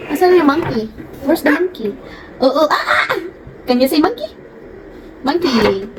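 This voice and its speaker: A woman's voice: high voice, sing-song, moderate pace. A woman with a Filipino accent chatting with her young children in a casual home vlog, playful and coaxing. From Philippines. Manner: playful, coaxing, sing-song with small kids. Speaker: vlogger and mother. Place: family home, indoors. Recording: noisy home recording.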